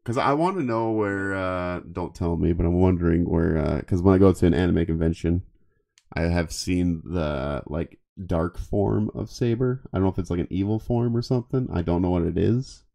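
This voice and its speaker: A man co-hosting a podcast, chatting casually about anime with a rambling, halting delivery. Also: low-pitched, gravelly, dark tone. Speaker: podcast co-host.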